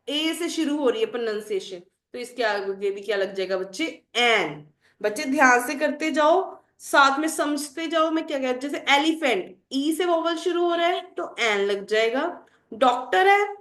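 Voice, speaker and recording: A woman's voice: sits high, a bit bright. A woman teacher explaining English grammar to students, asking the class questions and answering them herself. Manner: addresses students as children. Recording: roomy echo.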